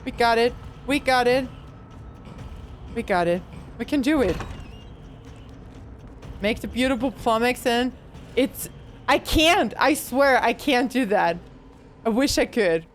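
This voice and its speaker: A woman's voice: fairly high pitch, lively intonation, slow, pauses often, a little hiss or hum. A young woman streaming a horror game, chatting casually, swearing and yelping when startled. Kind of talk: casual live gameplay chatter.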